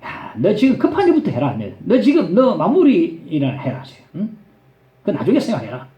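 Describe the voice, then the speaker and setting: A man's voice: high-pitched, huge pitch swings, moderate pace, reverberant, highs cut off, voice pushed up. A man with a Gyeongsang accent voicing a sly, coaxing Satan who whispers temptations. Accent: Gyeongsang Korean.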